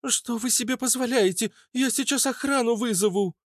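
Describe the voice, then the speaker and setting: A man voicing a frightened, indignant young saleswoman in an audiobook, talking shrill and alarmed. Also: little pitch movement, takes it slowly, dark tone, no echo, clean studio sound.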